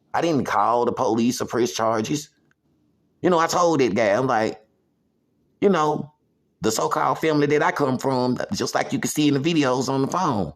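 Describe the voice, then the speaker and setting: A man from the United States talking to camera about his own grievances, repeating himself with lots of "you know" and stretching some phrases out slowly. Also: mid-range voice. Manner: repetitive, emphatic, heavy use of "you know". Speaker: vlogger. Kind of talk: personal monologue to camera.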